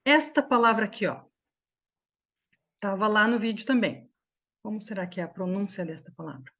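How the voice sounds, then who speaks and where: A woman's voice: medium pitch, lively intonation, fairly bright tone. Brazilian woman, online English teacher, patient step-by-step explainer with a mid-range voice. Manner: explains slowly with many checking questions.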